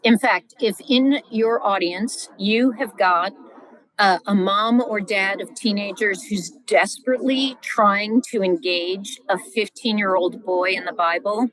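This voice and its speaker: A middle-aged woman, a scholar and podcast guest, teaching in a lively, vivid storytelling way with frequent exclamations. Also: medium pitch, a little slow, low-quality recording. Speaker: guest Old Testament scholar.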